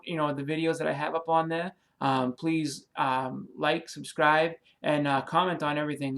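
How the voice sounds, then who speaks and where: A man with a slightly high, creaky voice and a Boston accent hosts a YouTube channel on comics and movies. In a loose, rambling vlog full of ums and you-knows, he warmly and apologetically thanks his new subscribers.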